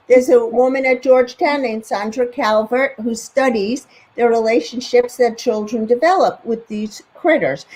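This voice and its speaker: A woman on a video-call panel explaining child research in a measured, teacherly way. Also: high voice, darkish tone, poor audio. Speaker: education researcher guest.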